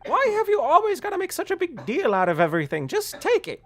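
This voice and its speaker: A player puts on an old hag of a mother, pitched up high and swooping with disapproval. She nags and scolds in a creaky game-dialogue voice over background noise. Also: wildly swooping pitch, fast, a bit bright, heavily acted. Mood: nagging, disapproving. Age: older. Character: nagging older mother, theatrical and disapproving. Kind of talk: video game dialogue read aloud.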